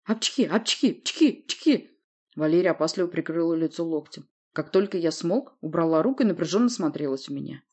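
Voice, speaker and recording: Husky low-voiced woman narrating. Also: fast, hardly any pauses, mellow. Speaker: audiobook narrator. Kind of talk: scripted first-person narration.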